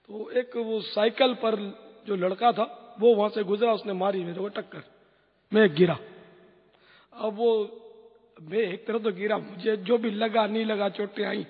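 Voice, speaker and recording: A middle-aged man answers religious questions, telling stories with earnest exclamations. His voice sits high and a little husky. The recording is lo-fi and rings with a long hall echo.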